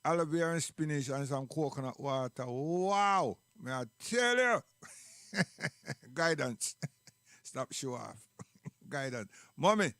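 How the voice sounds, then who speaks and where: Male host, Caribbean accent, emphatic casual Rasta talk, higher register, dry close sound. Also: expressive, slow pace, long pauses, a bit bright, no echo. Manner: Rastafarian speech, emphatic rhetorical questions. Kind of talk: casual chat and commentary.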